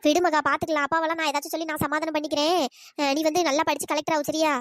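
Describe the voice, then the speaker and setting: A woman's voice: high-pitched, level tone, no echo, natural voice. Cartoon role: loyal young village friend, dry close voice, pleading and coaxing, a woman voicing her. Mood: reassuring. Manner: pleading, fast coaxing chatter. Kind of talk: cartoon voice acting.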